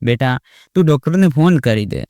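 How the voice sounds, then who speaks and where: A man's voice: medium pitch, expressive, normal speed, dark tone, no echo, clean studio sound, close to an everyday voice. A man voicing a grieving old husband who pleads in a choked, trembling voice.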